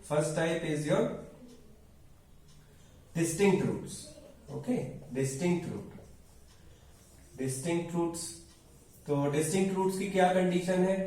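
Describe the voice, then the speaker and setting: A man's voice: a little high, a little mellow, distant mic. A man with an Indian accent teaching a maths class, explaining each step and checking in with "okay" as he goes. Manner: explains step by step with frequent 'okay' and 'ठीक है' check-ins. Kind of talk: classroom lecture mixing Hindi and English. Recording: echoey room, voice away from mic.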